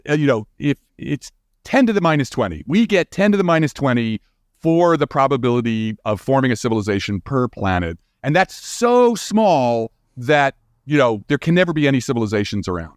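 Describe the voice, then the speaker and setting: Mid-range in pitch but swinging widely, this man speaks a little fast in a dry, clean studio recording. He's the interview's expert guest, an astrophysicist and author, whose casual, emphatic explanations lean on frequent "right?" check-ins.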